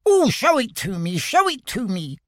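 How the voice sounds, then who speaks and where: A man's voice: high-pitched, sing-song, unhurried, dry recording, clean studio sound, pitched above the performer's own voice, heavily acted. A man voicing a small, timid young pig who is anxious and eager not to be left out. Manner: anxious, pleading.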